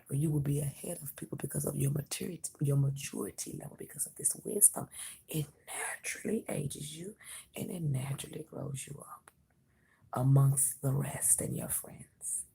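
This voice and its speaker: A tarot reader gives the viewer an intimate, whispered reading, reassuring and emphatic, repeating phrases and addressing the listener as honey and mama. Her mid-range voice is husky and gravelly yet warm in tone.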